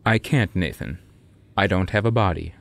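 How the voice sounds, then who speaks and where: An actor playing a deadpan, dry narrator voice with no body in a comedy radio play. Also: male voice, deep voice, moderate pace, gravelly, no echo.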